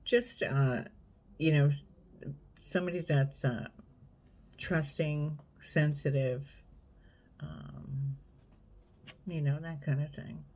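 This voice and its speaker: A woman reading tarot cards in a casual, unhurried way, musing aloud and talking straight to the viewer. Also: sits low, fairly even intonation, darkish tone. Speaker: tarot reader.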